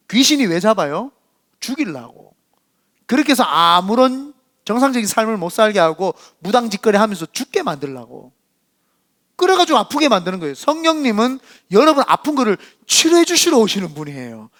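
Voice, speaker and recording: A middle-aged man from Korea, a senior pastor preaching a sermon, who tells stories animatedly and acts out quoted voices, dropping to quiet asides and rising to shouts. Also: high voice.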